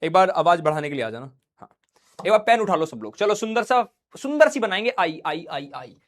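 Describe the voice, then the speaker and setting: High pitched guy teaching science online, joking around, kinda unwell today. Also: very animated, brisk. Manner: playful, acts out scenes, teasing students. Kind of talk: online class lecture.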